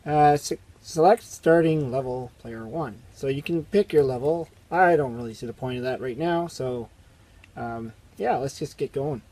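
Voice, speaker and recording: A man around his thirties or forties with a strained, hoarse and raspy voice, chatting in a rambling, conversational way as host of a retro gaming channel. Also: mid-range voice, normal speed, warm tone, slight background noise. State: hoarse from strained vocal cords. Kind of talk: casual chat to camera. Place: indoors, small basement game room.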